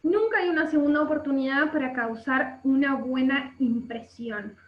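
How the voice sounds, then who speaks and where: This Argentine-accented woman runs an instructional webinar from a room beside a window, pausing frequently to ask brief check-in questions. She speaks at a normal speed in a high-pitched voice. Picked up by a webcam on a video call, the sound is muffled and echoey.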